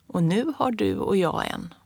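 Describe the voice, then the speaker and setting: A reader voicing an old grandmother in a storybook tale, speaking slowly, softly and solemnly. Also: mid-range voice, huge pitch swings, creaky, slightly rough, no room sound, full character voice. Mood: hushed solemn. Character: solemn old grandmother, gentle keeper of secrets.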